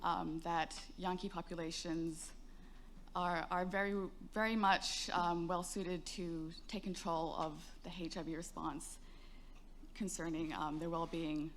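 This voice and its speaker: Woman on a panel, lowish voice, lots of ums, slow and careful, bit of faint background hum. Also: little pitch movement, a bit bright. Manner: measured, hesitant, with many ums. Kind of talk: panel discussion answer. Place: conference stage.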